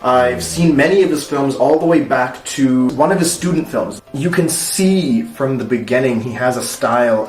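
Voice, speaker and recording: A man with an American accent, a guest in a casual interview who talks in a relaxed, chatty way and laughs easily. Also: mid-range voice, far from the mic. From United States. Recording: roomy echo with music behind.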